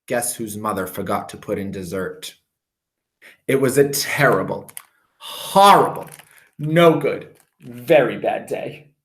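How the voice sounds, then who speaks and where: Here a teacher with a lowish voice reads a children's picture book, drawing out the recurring lines with expressive weight.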